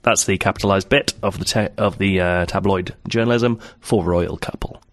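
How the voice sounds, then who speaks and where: A man's voice: sits low, moderate pace, dry recording, studio quality. A man co-hosting a comedy podcast, reading news stories aloud and riffing on them with frequent laughter. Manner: riffing, laughs often, mock-dramatic readings. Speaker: podcast co-host.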